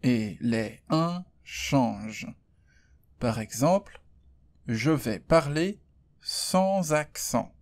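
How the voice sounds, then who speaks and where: Male French tutor, mid-pitched, very slow and clear, deadpan jokes, for learners. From Brittany, France. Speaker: French language teacher. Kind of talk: slow podcast lesson for learners.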